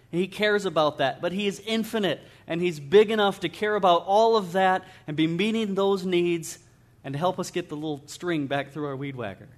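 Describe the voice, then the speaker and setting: A middle-aged man delivers a sermon in a plain, conversational way. His voice sits a bit on the high side, and he often doubles back on his words as he explains. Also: a bit bright. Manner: conversational preaching with frequent repetitions and restarts. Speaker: pastor.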